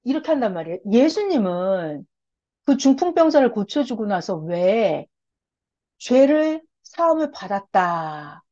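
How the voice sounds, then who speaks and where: A woman's voice: medium pitch, very animated, unhurried, warm tone. A woman giving a Bible lecture in sermon style, firing rhetorical questions and answering them herself with emphatic repetition. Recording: dull lo-fi recording.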